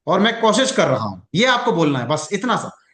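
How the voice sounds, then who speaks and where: A man teaches a class in a bright, high voice that rises and falls a great deal. He explains through examples and keeps asking his listeners questions. The room gives the voice a noticeable echo. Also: sing-song, brisk. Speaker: acupuncture and mind-technique teacher.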